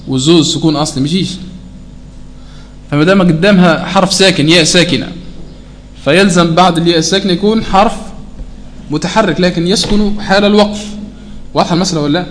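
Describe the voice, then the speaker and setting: A man teaching a tajweed lesson, explaining rules in plain talk and stopping often to ask whether it is clear, with examples slowly chanted in recitation. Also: high voice, a little hiss or hum.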